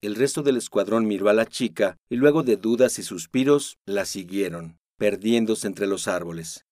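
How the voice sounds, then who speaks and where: A man narrating a novel in a steady, measured voice. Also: lowish voice, dry recording, studio quality. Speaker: audiobook narrator. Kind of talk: scripted narration.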